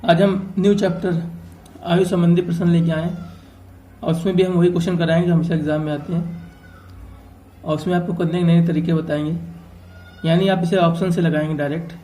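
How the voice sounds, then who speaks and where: Man teaching math in a flat, mellow voice. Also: fairly high pitch, fairly quick, pauses often, a little hiss or hum. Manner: explains step by step, often checking with "ठीक है". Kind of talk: exam-prep math lesson.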